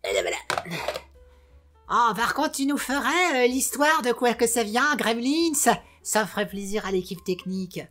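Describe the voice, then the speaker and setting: A woman's voice: fairly high pitch, lively intonation, normal speed, music in the background. A woman hosting a comic film show, theatrical and playful, joking with the crew.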